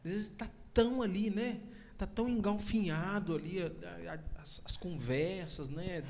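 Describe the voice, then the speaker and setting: A man's voice: sits high, unhurried, a little mellow, long reverb tail. A man hosting a podcast, talking in a reflective way and tagging his phrases with frequent rhetorical questions. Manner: reflective, full of "né" tags. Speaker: podcast host. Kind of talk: casual podcast conversation.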